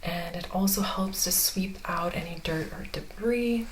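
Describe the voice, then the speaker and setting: A woman in a soft, mostly soft-spoken ear-exam ASMR role-play, gently explaining each step as the clinician. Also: lowish voice, unhurried, noisy background.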